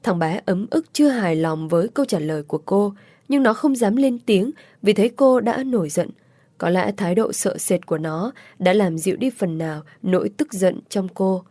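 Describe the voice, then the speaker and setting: Brief: female audiobook narrator, measured emotive reading, dry close sound. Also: mid-range voice, warm tone, dry recording. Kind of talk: scripted story narration.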